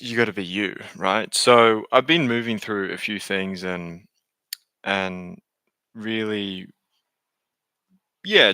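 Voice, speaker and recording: A man's voice: low-pitched, sharp tone, smooth, no echo. A man talking casually on a live stream, hesitant and candid, often restarting his sentences.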